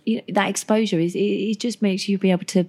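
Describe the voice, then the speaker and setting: A woman's voice: mid-range voice, steady tone, fast, a little mellow. A woman guest on a podcast interview, speaking modestly and hesitantly with many fillers. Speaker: guest, stage performer. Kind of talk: casual interview.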